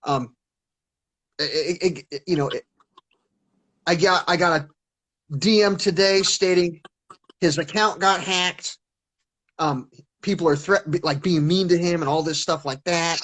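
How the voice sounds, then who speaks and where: A man appears as a guest in a casual video-call interview, stuttering, restarting sentences, and repeating words. His voice is on the high side and a bit bright, unhurried with long pauses, and the audio quality is poor.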